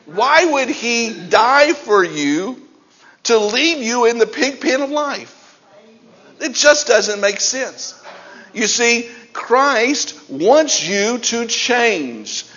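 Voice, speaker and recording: A man preaching a sermon in a church, emphatic and at times close to shouting. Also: extremely high pitch, animated, drawn-out words. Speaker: pastor. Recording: dull lo-fi sound in a reverberant hall.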